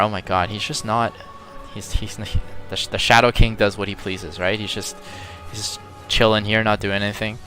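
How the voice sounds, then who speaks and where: Bright-voiced man recapping a strategy battle. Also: fairly low pitch. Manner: hesitant, thinks aloud with fillers and restarts. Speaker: strategy game player. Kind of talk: casual let's-play commentary.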